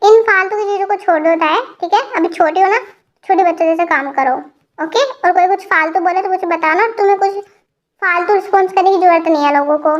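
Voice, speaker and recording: A man's voice: very high voice, a little fast, dull audio. A woman voicing a pushy, controlling adult uncle who scolds and gives orders, in a read-aloud fan story. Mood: stern. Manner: scolding, commanding.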